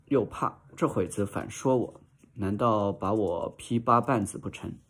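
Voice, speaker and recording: A man voicing a sharp-tongued young maid in a storybook reading, talking back in an aggrieved, protesting way. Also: lowish voice, a little slow.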